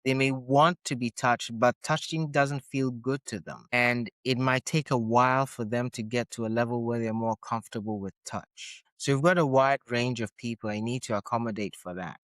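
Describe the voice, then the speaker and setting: A middle-aged man who grew up in Ghana, Switzerland and the UK is a touch therapist guesting in a casual interview, reflectively telling and explaining his story. His voice is medium-pitched, with no room sound on the recording.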